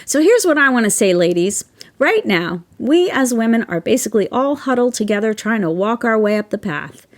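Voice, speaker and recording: A woman's voice: fairly high pitch, expressive, normal speed. A woman in her fifties telling a personal story in a blunt, emphatic way, swearing freely and building to a passionate rallying call. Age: 50s. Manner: impassioned, rallying. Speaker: social media storyteller.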